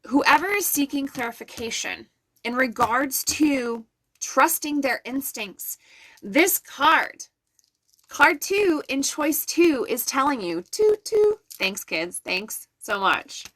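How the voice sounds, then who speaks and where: This intuitive card reader, a middle-aged woman, speaks to her live-stream viewers in a high, expressive, slightly bright voice, taking it slowly. Her tarot reading comes across as earnest and soothing.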